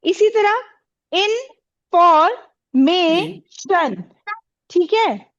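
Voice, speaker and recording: A woman's voice: extremely high pitch, expressive, measured pace, lo-fi sound. A woman teaching a classroom, asking the pupils questions and repeating their answers with encouragement.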